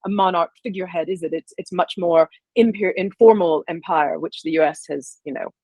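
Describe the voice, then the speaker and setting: A woman from the American South, a historian guest on an interview podcast, talking in halting phrases with many restarts. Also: lowish voice, darkish tone, no room sound. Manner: halting, restarts, frequent laughs.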